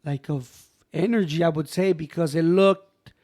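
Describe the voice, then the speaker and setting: Animated man telling a story, higher voice. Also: unhurried. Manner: animated, acts out quoted voices, says "bro" and "man" often. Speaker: podcast host telling a personal story. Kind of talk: casual storytelling.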